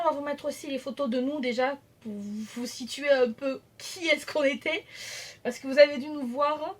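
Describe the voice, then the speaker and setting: Une jeune femme vloggeuse qui bavarde avec beaucoup d'hésitations et d'autocorrections, filmée au téléphone. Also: female voice, high voice. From France. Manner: chatty, hesitant, many fillers and self-corrections. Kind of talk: casual chat. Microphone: phone camera.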